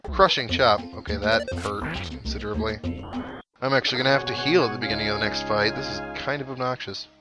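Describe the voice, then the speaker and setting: Hosting a video game playthrough series, this man talks fast in a fairly low, steady voice, offering casual commentary sprinkled with wry, dry-humoured asides. Video game music runs in the background.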